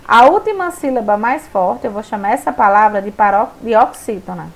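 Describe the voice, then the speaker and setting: A woman's voice: on the high side, animated, normal speed, gravelly. A young woman teaching a recorded remote school lesson, explaining step by step and checking in with her students.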